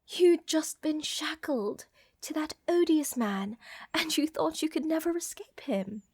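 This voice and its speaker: With a teasing, amused mood, a woman plays a vampire countess in a roleplay ASMR: elegant, flirtatious, tender, and delivered softly, breathily and genteelly, frequently dropping to a whisper. Her voice is high and the sound has no echo.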